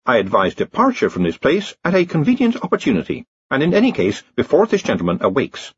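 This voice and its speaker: A man's voice: medium pitch, huge pitch swings, husky, dull audio, pitched above the performer's own voice, full character voice. A man voicing a polite, formal talking crystal ball. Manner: formal, measured.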